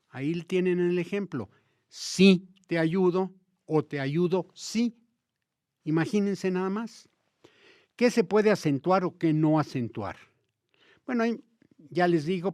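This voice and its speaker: A Mexican man with a Mexican Spanish accent, hosting a talk about language and explaining grammar in a lively, emphatic way, speaking straight to his listeners. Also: on the high side, dry recording, clean studio sound. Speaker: host of a language talk show.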